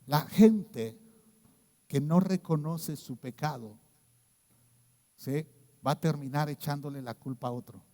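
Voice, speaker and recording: Pastor preaching, kinda high voice, hushed then loud, big echoey church sound. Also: male voice, slow, long pauses. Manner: storytelling, swings from hushed to loud emphatic. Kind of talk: sermon.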